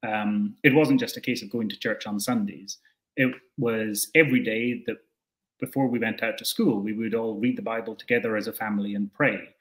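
A man's voice: on the low side, fairly even intonation, normal speed, a bit bright. A young Scottish man answering interview questions on a video call, thoughtful and hesitant with many fillers and restarts. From Scotland. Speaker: interview guest. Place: indoor room at home.

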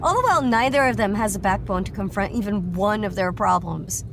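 With a medium-pitched, animated and brisk voice marked by vocal fry, an actress plays a bitter, foul-mouthed fourteen-year-old in naturalistic scripted audio drama. The girl sounds angry and exasperated, blunt and sarcastic in teenage slang, over noisy outdoor sounds of vehicles.

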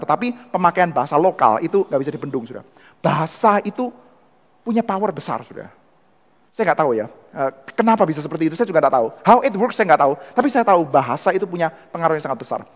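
A man with a Surabaya accent lectures on church history at a brisk pace, his voice sitting a little high. He talks in an animated way and keeps turning to his listeners. A long hall reverb trails each phrase. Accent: Surabaya Indonesian. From Indonesia. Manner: animated, often addresses listeners as "Saudara". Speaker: theology lecturer.

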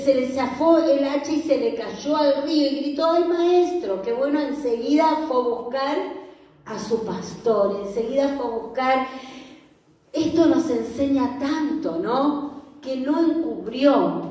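A woman's voice: high-pitched, a little mellow. A woman pastor with a Rioplatense Argentine accent, preaching a sermon in a conversational way and asking her listeners questions. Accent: Rioplatense Spanish. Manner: conversational, asks the audience questions. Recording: echoey room, voice from far off.

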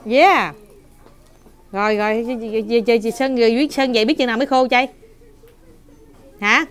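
Playful teasing woman, high voice. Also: normal speed. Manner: playful teasing, switches into English. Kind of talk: casual chat. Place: nail salon.

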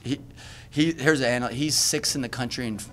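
A man's voice: mid-range voice, a little fast, a bit bright, slight background noise. A man in his thirties, a basketball coach answering questions at a postgame press conference, earnest and often restarting his sentences. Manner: earnest, self-correcting, many restarts. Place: press room at a podium. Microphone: podium mic.

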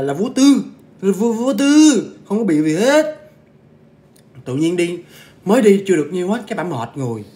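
A man's voice: fairly high pitch, a bit bright, slight background noise. A man hosting a casual ghost-story livestream, chatting to viewers and eating as he talks. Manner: chatty, addresses viewers directly, eats while talking.

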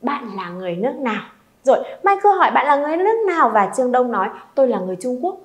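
A woman's voice: sits high, very animated, racing. A woman, teaching a beginner Chinese lesson and coaxing students to repeat aloud.

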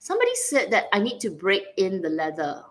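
Fairly quick and mid-range, a Singaporean-accented woman runs a casual livestream indoors in her living room. She rambles in a playful, animated way, reacting out loud as viewers' comments come in.

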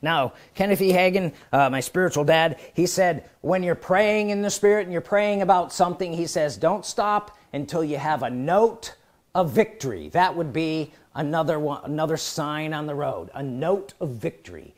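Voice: medium pitch, normal speed, few pauses. A preacher delivering a sermon, often stopping to ask the congregation questions. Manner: animated, calls out questions to the congregation.

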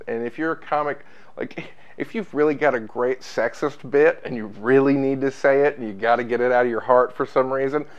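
A man in his thirties, a stand-up comedian, speaking in a relaxed, wry way in a documentary interview. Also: mid-range voice, muffled recording. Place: bright room with large windows.

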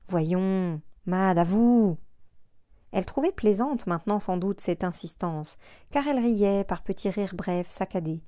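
A woman narrating an audiobook in a measured, expressive reading. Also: medium pitch, dry recording, studio quality. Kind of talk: scripted narration.

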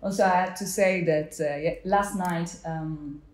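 A young woman, the gallery founder, hosting an interview with eager, halting talk in an art gallery. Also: lowish voice. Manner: enthusiastic, hesitant with fillers. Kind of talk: interviewer chat. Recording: echoey gallery room.

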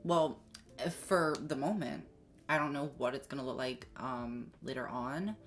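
Background music fills a small indoor room set up for filming, where a beauty vlogger in their twenties reviews makeup in a casual chat to camera. Their mid-range voice is a little slow and a bit bright, with a sassy, slangy drag queen flair.

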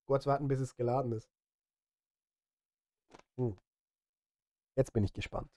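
Speaking close into a studio microphone in his home studio, this middle-aged film composer and music streamer talks casually on a live stream, musing aloud and muttering complaints at himself. His mid-range voice keeps a steady, dark tone at a measured pace. There is no echo.

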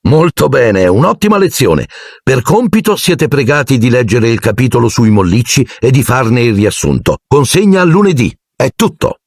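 A man's voice: mid-range voice, very animated, moderate pace, creaky, no echo, clean studio sound, voice pushed up. A man voicing a cheerful, encouraging middle-aged male teacher in an audiobook, calling out praise with enthusiasm.

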